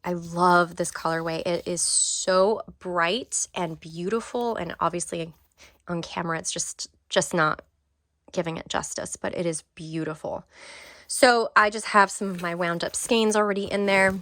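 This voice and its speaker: A young woman with a slightly low voice gives a casual tour of her home craft room. She chats along warmly and enthusiastically, often trailing off with fillers and small restarts as she shows each item. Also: fairly even intonation, measured pace. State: briefly out of breath. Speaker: craft vlogger.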